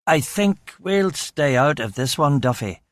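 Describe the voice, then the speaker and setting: A man's voice: on the high side, expressive, a little slow, dry recording. A man playing a hesitant, evasive officer. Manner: hesitant, noncommittal.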